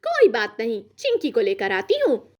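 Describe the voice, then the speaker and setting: A woman voicing a bossy, scolding mother cat in a cartoon, nagging in a shrill, high voice. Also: wildly swooping pitch, moderate pace, muffled recording, noisy background. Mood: annoyed. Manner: threatening, bossy, rustic Hindi scolding. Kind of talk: cartoon voice acting. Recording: cartoon with background music.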